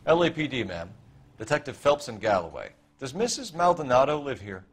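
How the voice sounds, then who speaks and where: An actor playing an earnest, composed 1940s police detective in a video game, formal and courteous. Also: male voice, mid-range voice, very animated, fairly quick. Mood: formal, sober. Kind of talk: video game drama acting.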